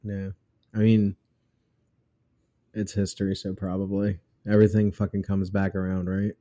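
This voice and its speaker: A man's voice: low voice, monotone, moderate pace, dark tone. Crude joking male podcast co-host. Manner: crude, joking, profane banter. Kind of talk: casual chat.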